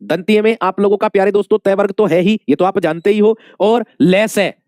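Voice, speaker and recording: Give me a man teaching an exam-prep Hindi class, high-pitched and recorded dry and close, who drills each answer over and over. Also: steady tone, a little fast, darkish tone, no echo. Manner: addresses students as dear friends and brave ones, repeats questions and answers. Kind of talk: online exam-prep lesson.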